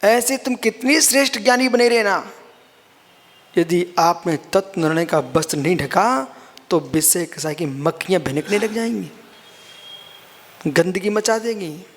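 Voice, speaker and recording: A man's voice: high voice, a little slow, pauses often, big-room sound, a little hiss or hum. A man, a Jain monk, giving a sermon, explaining scripture line by line and calling his listeners son and brother.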